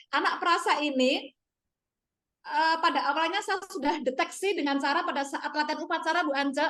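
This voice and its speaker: A woman's voice: sits high, fairly bright tone. A woman teacher sharing her classroom experiences in a casual webinar talk, apologizing often and addressing her listeners politely. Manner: storytelling, acts out her students' voices.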